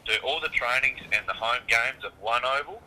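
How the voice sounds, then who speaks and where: An Australian man calling in on speakerphone, explaining plans in a halting way and often repeating and restarting his words. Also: mid-range voice, bright, forceful tone, slight background noise, low-quality recording. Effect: heard over a phone on speakerphone. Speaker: caller from a local football club. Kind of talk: casual phone chat.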